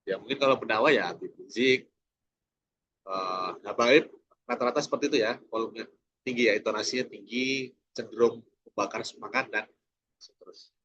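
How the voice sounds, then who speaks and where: A man's voice: fairly low pitch, fairly quick, bright, forceful tone, lo-fi sound. A man teaching a preacher training class online, asking rhetorical questions and tagging his sentences with "ya". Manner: rhetorical questions, frequent "ya" tags.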